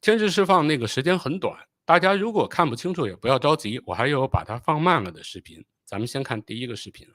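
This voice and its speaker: A man's voice: medium pitch, expressive, a bit bright, no room sound, clean studio sound. Man explaining rocketry on a live stream. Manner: explanatory, with frequent filler pauses; apologetic and hurried while fixing playback. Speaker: channel host.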